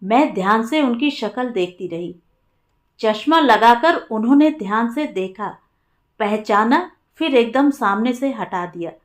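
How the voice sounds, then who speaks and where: Woman narrator, short story reading, slow, somewhat high voice, calm and measured.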